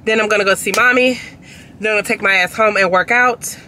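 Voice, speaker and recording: A woman's voice: medium pitch, fast, sharp tone, a little hiss or hum. Chatty woman vlogging from her car. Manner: chatty, talks to viewers as "y'all". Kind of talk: casual vlog chat.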